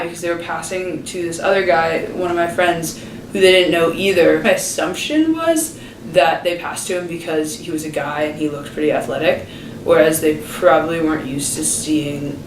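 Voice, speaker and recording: A young woman, a college student athlete, casually recounting her experience in an interview. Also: sits low. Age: young adult. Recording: roomy, distant, noisy.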